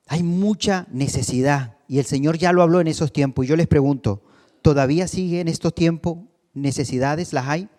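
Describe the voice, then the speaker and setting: A man preaching a sermon as co-pastor, asking the congregation questions and rising to loud cries when he quotes. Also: mid-range voice, in a large hall. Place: church hall.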